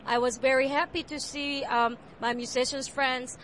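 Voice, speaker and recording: A woman musician with a Korean accent, answering interview questions about her music, soft-spoken with many fillers. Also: sits high, level tone, normal speed, a little hiss or hum. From South Korea. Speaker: jazz pianist and composer. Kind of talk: interview at a jazz fair.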